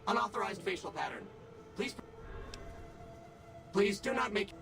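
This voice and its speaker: Too smooth robot servant, robotic filter, formal and mechanical, video game voice, game music behind. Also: male voice, high-pitched, lively intonation, unhurried. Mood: servile, polite. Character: polite servile robot servant, male. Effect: synthetic robotic voice filter.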